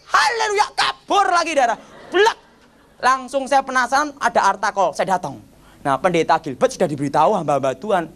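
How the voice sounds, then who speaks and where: A man with a Javanese accent tells his conversion testimony in a lively, swooping voice. He keeps calling his listeners "saudara" and acts out the dialogue in changing voices. His delivery is energetic storytelling. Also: high voice. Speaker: former occultist giving a conversion testimony.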